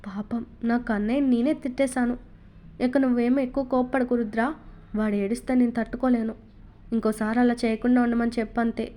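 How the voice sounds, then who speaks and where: A woman's voice: a little high, level tone, fairly quick, dark tone, natural voice. A woman reading a novel aloud and voicing a young mother who scolds her son mildly but dotes on him. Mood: pleading. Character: young mother, fond but easily irritated.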